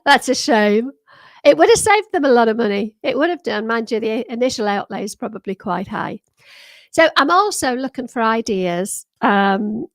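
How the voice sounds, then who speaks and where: A retired British woman in her sixties hosts a livestream, chatting casually with viewers through a desktop microphone and rambling with lots of ums, restarts and laughs. Her fairly high voice sounds a little worn, as though she is slightly losing it, and there is no echo.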